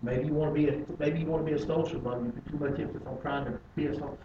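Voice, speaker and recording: A man's voice: fairly even intonation, very fast, far from the mic, lo-fi sound, background noise. Man preaching in an echoey church. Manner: rises to loud emphatic preaching then drops low and quiet. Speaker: pastor. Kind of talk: sermon. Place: church sanctuary.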